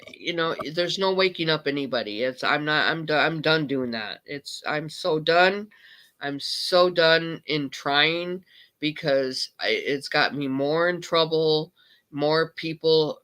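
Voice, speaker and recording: A woman's voice: sits low, fairly bright tone, rough recording. A woman hosting her channel, speaking emotionally in an impassioned monologue that keeps stumbling, repeating and restarting. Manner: ranting, repeats itself and restarts sentences. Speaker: channel host. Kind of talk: impassioned monologue on a live chat.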